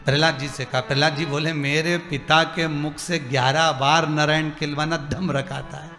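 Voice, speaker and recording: A man preaching a devotional sermon, animated and storytelling, voicing the people in his stories. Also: fairly high pitch, normal speed. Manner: animated, voices quoted characters in dialogue. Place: large religious gathering. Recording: music behind, long hall reverb.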